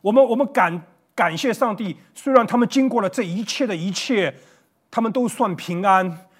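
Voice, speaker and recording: A pastor preaches an online Sunday sermon facing a camera, earnest and conversational, occasionally tripping over his words. His voice sits high with a breathy edge, at a moderate pace.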